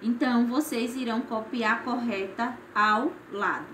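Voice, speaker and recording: A woman with a Brazilian Portuguese accent teaching a primary school class, explaining each exercise slowly and patiently and checking in with "certo?" after her points. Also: on the high side, steady tone, background noise. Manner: slow, patient, tags lines with "certo?". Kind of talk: recorded remote class lesson.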